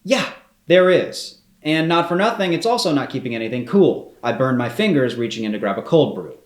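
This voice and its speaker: Man playing a hesitant, deadpan customer. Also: medium pitch, fairly quick, close to an everyday voice. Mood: bemused. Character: hesitant, deadpan male fridge owner calling support. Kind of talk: comedy dialogue.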